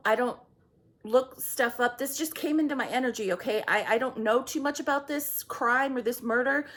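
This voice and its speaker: A woman giving a casual psychic reading, halting and repetitive with many fillers and restarts, sometimes sinking to a near-whisper. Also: fairly high pitch, a bit bright. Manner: swearing, acts out heated quotes. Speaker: psychic reader.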